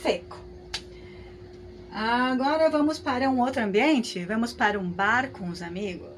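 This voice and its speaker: A woman with a Brazilian Portuguese accent teaching a class, talking in a lively, conversational way with frequent tag questions. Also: a little high, measured pace, a little hiss or hum. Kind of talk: lecture with hypothetical examples.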